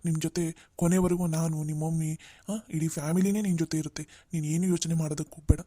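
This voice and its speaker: A man's voice: on the high side, level tone, fast, mellow, lightly acted. A man doing a stern lecturing cartoon father. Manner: blaming, lecturing. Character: stern middle-aged father, head of a well-off family. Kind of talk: cartoon family drama voice acting.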